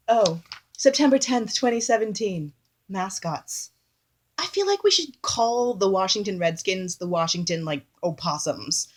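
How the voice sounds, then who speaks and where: A woman reads dated entries from a joke diary for a live comedy spot. Her mid-range voice is chatty and quick to giggle. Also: mid-range voice. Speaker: comedy performer. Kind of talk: comic reading from a joke diary.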